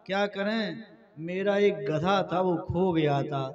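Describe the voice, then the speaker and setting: A man's voice: high voice, slow pace, far from the mic. A man voicing a frightened village man who pleads not to be beaten, in a comic sermon story. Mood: sheepish. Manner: pleading, nervous. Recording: dull lo-fi sound.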